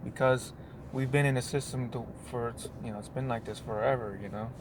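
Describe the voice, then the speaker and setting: A man's voice: medium pitch, steady tone, brisk, noisy background. A man talking casually on his work break, rambling in a loose monologue with many restarts and asides. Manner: meandering, full of restarts and "you know what I mean". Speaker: vlogger.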